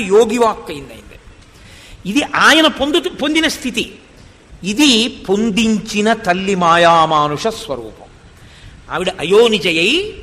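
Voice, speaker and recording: A man with a very high, bright voice delivers a devotional scripture discourse. He expounds point by point, poses rhetorical questions and chants Sanskrit verses. His voice rings with a long hall reverb. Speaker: spiritual discourse speaker.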